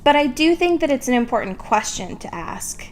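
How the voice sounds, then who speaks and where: High-pitched and expressive, she talks fairly quickly, and there's a little hiss or hum on the recording. She's a twenty-three-year-old podcast co-host trading casual book talk, informal and wry, swearing casually and making fun of herself.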